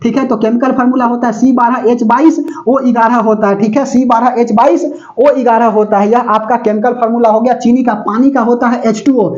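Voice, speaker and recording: Male chemistry teacher, very high pitch, dull lo-fi recording, keeps asking the class questions. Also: fairly quick. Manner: constantly quizzes students with rhetorical questions; relaxed, joking everyday examples. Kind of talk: classroom lecture.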